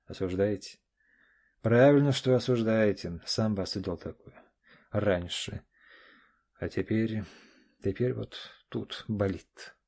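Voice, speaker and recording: A man voicing a tired, tipsy middle-aged man with a gruff, confessional way of talking. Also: on the low side, slow, pauses often, a little mellow. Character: weary drunk man, middle-aged, lovesick.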